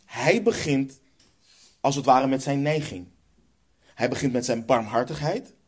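A man's voice: mid-range voice, measured pace, breathy edge. A man with a Dutch accent preaching a sermon, emphatic and stressing points by repeating phrases.

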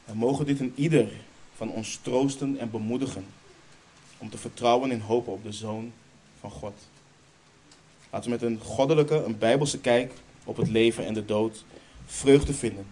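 A man's voice: medium pitch, fairly even intonation, moderate pace, warm tone, breathy edge. A man preaching a sermon in Dutch churches' style, stressing key lines emphatically, then leading a prayer.

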